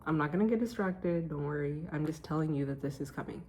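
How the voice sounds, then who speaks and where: A woman's voice: low voice, quick pace, background noise. A woman vlogging to camera at home at night, talking casually about her day and her well-being research in an emphatic, self-joking way. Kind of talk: casual chatty vlog.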